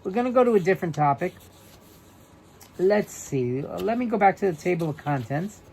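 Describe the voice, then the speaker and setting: A man with a New York accent hosting a casual live-stream, reading trivia questions aloud and answering viewers by name in a chatty, relaxed way. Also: sits high, fairly quick, creaky, a little hiss or hum. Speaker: livestream host.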